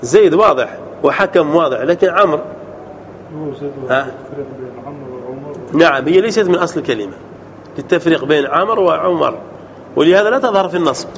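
Pitched fairly high for a man, an animated sheikh teaches Arabic grammar, pausing often to fire quick questions at his students and make sure they're following. The audio is dull and lo-fi, with faint hiss in the background.

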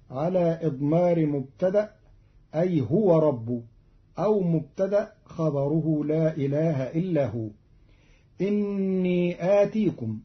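A man, a Quran reading scholar, giving a formal scripted explanation of recitation variants in a measured, precise way, quoting verses in a chanted lilt. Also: on the high side. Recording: dull old radio archive recording.

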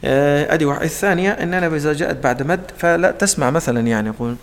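A man's voice: a little high, rapid-fire, long reverb tail. A man with an Egyptian accent teaching Quran recitation, asking his own questions and acting out the sounds. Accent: Egyptian Arabic. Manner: asks his own questions and answers them, demonstrates sounds. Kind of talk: explanatory lesson in colloquial speech.

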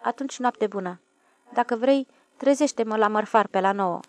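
A woman's voice: a little high, a little mellow, no echo, close to an everyday voice. A woman voicing an eager, bossy and suspicious station chief in an audiobook. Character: excitable fussy middle-aged male station chief. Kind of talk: audiobook character voice.

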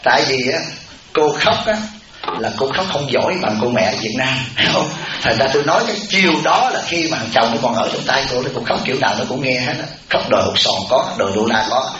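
A Buddhist monk giving a sermon in a temple hall, telling humorous stories and putting questions to the audience. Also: male voice, medium pitch, lively intonation, quick pace, crowd noise. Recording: echoey hall, muffled, audience noise.

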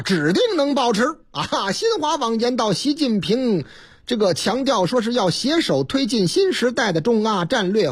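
Beijing-accented male radio host, husky, lively sing-song delivery, folksy press review. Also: high voice. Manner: chatty, joking asides, rhetorical questions.

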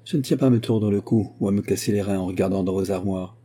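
Sly tough detective guy in an audiobook, read by a man, mocking and threatening, low dark husky voice. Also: quick pace. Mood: stern, mocking. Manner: sardonic and intimidating. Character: shrewd stern male police agent, threatening.

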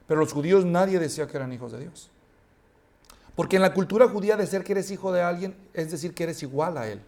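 Animated high-voiced male preacher. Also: quick pace. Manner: animated, acts out dialogue, asks the congregation questions. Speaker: pastor. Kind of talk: sermon.

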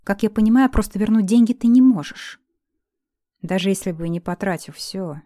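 A woman voicing the first-person heroine, an ironic, sharp-tongued young potion-maker who answers her friend with dry mockery and firm commands. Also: medium pitch, moderate pace, no room sound, lightly acted.

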